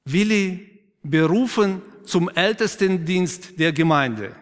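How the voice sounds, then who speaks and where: A man preaching a sermon who questions the congregation, affirms their answers, and drops to a quiet, emphatic tone for key points. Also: sits high, animated, slow pace. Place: church. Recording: long reverb of a church hall.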